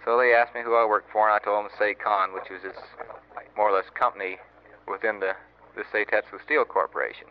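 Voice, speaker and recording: Young serviceman, low voice, rambling and halting, old wire recording, muffled with light hiss. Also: fairly even intonation. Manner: rambling and halting, many fillers and restarts. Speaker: Marine sergeant recording an audio letter. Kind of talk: casual spoken letter, storytelling.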